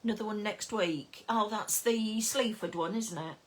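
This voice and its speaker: A woman's voice: mid-range voice, moderate pace. A middle-aged woman, chatting casually on a craft live stream and greeting viewers by name. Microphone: phone camera.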